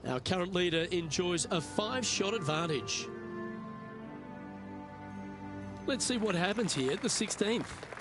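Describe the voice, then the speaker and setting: Higher-voiced male golf commentator. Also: lively intonation, moderate pace. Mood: impressed. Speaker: golf commentator, lead play-by-play. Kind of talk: golf commentary in a video game. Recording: game music and crowd behind the voice.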